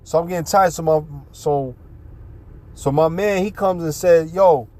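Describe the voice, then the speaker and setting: A man with a New York City accent and a slightly high voice tells a personal story a little slowly, in a casual, animated style packed with street slang and swearing.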